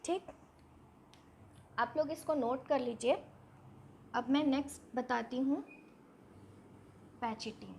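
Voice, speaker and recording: A woman's voice: sits high, slow pace, vocal fry, pauses often, darkish tone, a little hiss or hum. A woman teaching a biology lesson step by step, posing questions to her students and answering them herself. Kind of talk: online exam-prep lesson.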